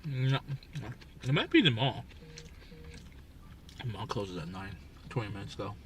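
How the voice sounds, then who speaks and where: A man's voice: fairly low pitch, animated, unhurried, fairly bright tone. A man hosting a casual live stream, chatting offhand with viewers and talking with his mouth full. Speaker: livestream host. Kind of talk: casual live-stream chat while eating. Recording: distant mic with faint background noise.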